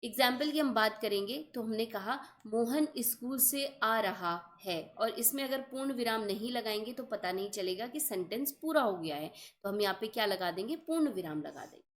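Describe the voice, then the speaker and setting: A woman's voice: a little high, lively intonation, brisk, few pauses, a little hiss or hum. A young woman teaching an exam-prep grammar lesson, explaining patiently and often checking that her students follow.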